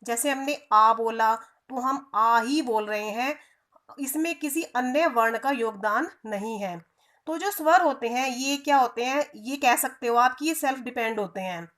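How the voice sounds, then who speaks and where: Woman teacher, high voice, explains patiently to young pupils, answers her own questions. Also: unhurried, fairly bright tone. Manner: asks questions and answers them herself, addressing the children; stretches out vowel sounds to demonstrate. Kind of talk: online Hindi grammar lesson.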